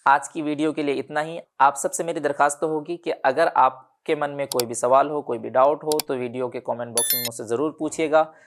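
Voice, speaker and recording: A man with a gravelly, creaky voice walks through a casual online lesson. He speaks at an unhurried pace, filling pauses with "uh" and correcting himself as he reads from his notes. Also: on the high side, steady tone, slight background noise. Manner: unhurried, many "uh" fillers and self-corrections while reading from notes. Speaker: online digital marketing instructor. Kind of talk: casual tutorial explanation.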